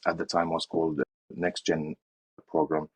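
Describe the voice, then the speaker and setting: A man's voice: a bass voice, flat delivery, moderate pace, slightly rough, low-quality recording. A young man from Syria answering interview questions in a hesitant way, with fillers and restarts. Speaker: interview guest.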